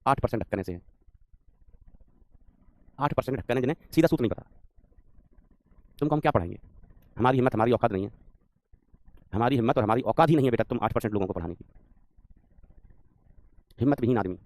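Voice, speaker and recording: Fast-talking, scolding male physics teacher. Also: medium pitch, expressive, a little mellow, no room sound. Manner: scolding, teasing students, repeating phrases. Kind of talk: online physics lecture.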